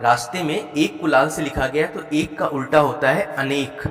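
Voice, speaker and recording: A man's voice: fairly high pitch, moderate pace, fairly bright tone, faint music behind. A man teaching a primary-school Hindi lesson, patiently spelling words out sound by sound. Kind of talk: explaining a school exercise. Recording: echoey room with long reverb.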